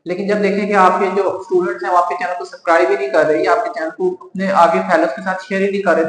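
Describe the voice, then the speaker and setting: A man, a chemistry teacher chatting to his students and retelling a story with lively quoted dialogue. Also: sits high. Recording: very echoey, reverberant room.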